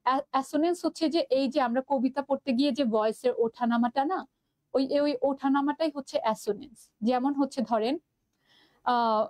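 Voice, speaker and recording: A woman with a Bangladeshi Bengali accent teaches a live online class, chatting easily, mixing in English terms and answering student comments. Her voice sits high, and it is recorded close and dry with no room sound. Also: a little fast, darkish tone, no echo.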